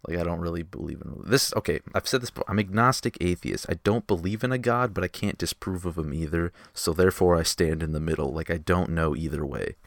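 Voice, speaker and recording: Brief: young man, low gravelly voice, dry close mic, excitable podcast host who jokes and swears. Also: fast talker, hardly any pauses, no echo. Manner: excitable, joking, swears freely. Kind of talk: casual argumentative chat.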